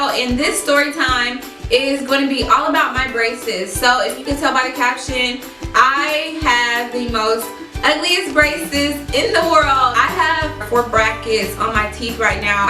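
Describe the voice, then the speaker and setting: A young woman telling a personal story in a casual, chatty, emphatic and expressive way, as a vlogger talking to her viewers. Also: high voice, moderate pace, hardly any pauses. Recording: echoey room, distant mic, music.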